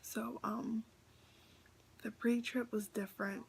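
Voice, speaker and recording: Young woman, casual vlog storyteller, half-whispered and chatty, gravelly fry, faint noise behind. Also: a little high, slow. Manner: chatty, excited, many fillers and repeats. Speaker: vlogger.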